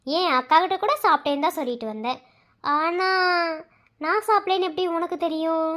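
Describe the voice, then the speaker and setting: A woman voicing a young man who questions quietly and calmly in a cartoon story. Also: very high voice, brisk, voice pushed down. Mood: suspicious.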